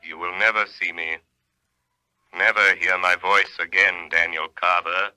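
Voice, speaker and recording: A menacing unseen avenger of classic radio drama, very low in pitch. The voice is piercingly bright and forceful, solemn and theatrical, passing judgment with grave command. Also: male voice, steady tone, unhurried, clean tone, heavily acted, poor audio. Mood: ominous, commanding. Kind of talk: 1930s-40s radio drama acting.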